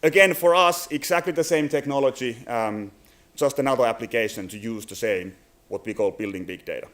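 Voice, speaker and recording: Speaking with a Finnish accent in a mid-range, slightly bright voice, a man from Finland in his thirties presents his company's business at a conference venue. He hesitates often, using many fillers and restarting sentences.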